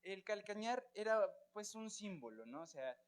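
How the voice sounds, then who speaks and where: A man's voice: high voice, sing-song, normal speed, smooth. A man with a Colombian Spanish accent teaching a church Bible class, often checking in with his students and asking them questions.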